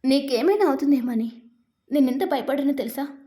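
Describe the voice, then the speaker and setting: A woman's voice: sits high, expressive, fairly quick, mellow, echoey room. Woman voicing a tearful older sister. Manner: sobbing, pleading.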